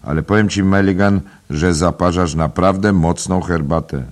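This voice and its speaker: A man voicing a calm, polite young man who speaks evenly, in an audiobook. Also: sits low, pitched above the performer's own voice, close to an everyday voice. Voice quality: calm, measured. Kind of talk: audiobook character reading.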